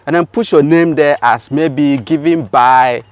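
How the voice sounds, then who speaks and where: A man's voice: on the high side, a little slow, a little hiss or hum. A man hosting an enthusiastic on-site interview outdoors on a farm. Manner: enthusiastic, keeps saying awesome. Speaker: video host touring a school farm.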